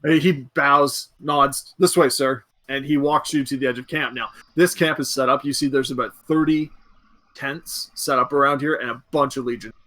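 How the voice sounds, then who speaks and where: A man's voice: medium pitch, steady tone, moderate pace, bright, forceful tone. Easygoing male game master narrating. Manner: descriptive, easygoing, with verbal fillers.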